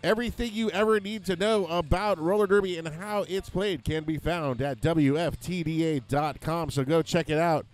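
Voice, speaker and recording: A man's voice: a little high, moderate pace, few pauses. A man announcing a roller derby tournament, joking as he rattles off lists of events and scores. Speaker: play-by-play announcer.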